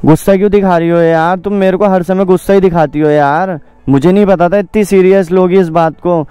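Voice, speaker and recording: A man's voice: sits high, fairly even intonation, a little fast, dark tone, smooth, dry recording, highs cut off, faint music behind. A young man vlogging on a town street, coaxing and pleading in a casual chatty way and saying "yaar" often. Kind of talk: casual chat on a street vlog. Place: outdoors on a busy town street.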